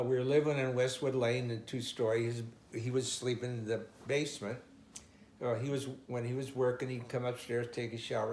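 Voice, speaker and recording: Older man, middle-pitched voice, animated storyteller, echoey room. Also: gravelly. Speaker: interviewee. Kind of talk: casual family storytelling.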